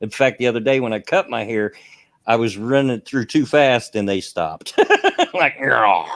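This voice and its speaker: A man's voice: mid-range voice, moderate pace, no echo. A man in his fifties hosting a casual livestream chat from home, rambling and reading chat messages aloud. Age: 50s. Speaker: stream host. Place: home, on a laptop camera.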